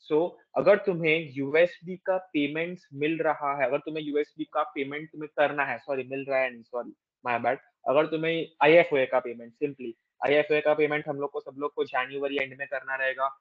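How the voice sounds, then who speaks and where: A man's voice: a little high, fairly even intonation, fairly quick, dry recording. Indian man tutoring over a dull call. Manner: explanatory, switches between Hindi and English, quizzes students. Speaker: actuarial finance tutor. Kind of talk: online class lecture. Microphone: video call. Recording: dull lo-fi call audio, dry.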